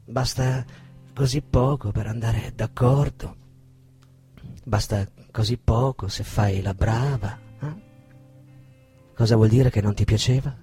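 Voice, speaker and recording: A man reading a dramatic monologue as an abusive, aggressive man berating a woman, shifting from shouted insults to cold menace, with a husky voice. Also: on the low side, full character voice. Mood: bitter, mocking.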